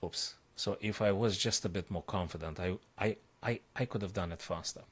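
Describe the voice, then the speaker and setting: This man's very low, husky voice moves at a normal speed as he works through chess puzzles on a live stream. He thinks aloud in quick bursts, repeats phrases, and gets excitedly loud, like a coach solving each move in real time.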